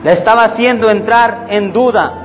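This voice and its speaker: A man preaching a sermon, emphatic and deliberate, calling his listeners brothers. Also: high-pitched. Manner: slow, emphatic preaching, addressing the congregation as brothers. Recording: reverberant hall with faint music.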